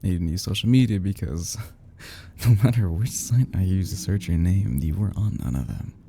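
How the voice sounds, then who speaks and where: In an ASMR roleplay drama, a man voices an obsessive, lovesick young yandere kidnapper, stammering and sighing with halting, fragile tenderness and slipping into breathy half-whispers. His voice is low, animated and mellow, with slight background noise, and the mood is regretful and aching.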